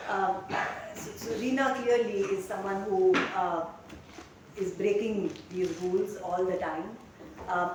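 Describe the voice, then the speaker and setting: A woman's voice: medium pitch, noisy background. Woman lecturing from far in an echoey room. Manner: hesitant, many fillers and restarts. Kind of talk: university literature lecture. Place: classroom.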